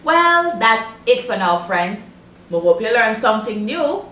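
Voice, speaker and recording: A woman's voice: fairly high pitch, big pitch swings, unhurried, a bit bright. A woman with a Jamaican accent presenting a language lesson as its host. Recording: roomy echo, faint background noise.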